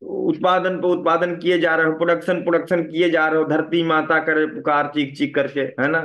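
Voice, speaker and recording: A man teaching a class speaks in a fairly high, fairly bright voice, a bit above most men's, with little pitch movement and a Hindi accent. He fires questions at students and often tacks on a quick "है ना," meaning "right?" The recording sounds muffled.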